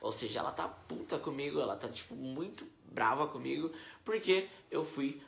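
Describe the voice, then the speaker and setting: A man's voice: medium pitch, lively intonation, vocal fry, fairly bright tone. Brazilian guy, casual English-teacher vlog, chatty, echoey room. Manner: chatty, peppered with fillers; slow, careful English examples. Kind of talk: casual video lesson.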